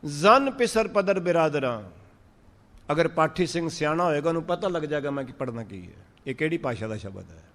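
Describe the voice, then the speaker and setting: A man with a Punjabi accent giving a sermon, drawing out verses slowly and then explaining them in lively speech. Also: a little high, big-room sound. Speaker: Sikh preacher. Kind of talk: sermon on scripture.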